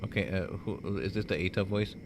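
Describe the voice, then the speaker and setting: A man with a low voice chats casually and reads character lines as a gaming co-host. The recording has clear noise behind him. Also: a little fast. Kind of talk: casual chat and voicing game dialogue.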